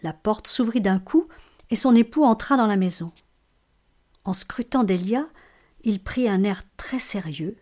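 A woman reading a story aloud in a measured, expressive way. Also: mid-range voice.

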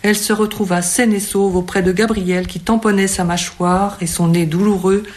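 A narrator reading a novel aloud in measured, even storytelling. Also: medium pitch. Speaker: audiobook narrator. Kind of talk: scripted narration.

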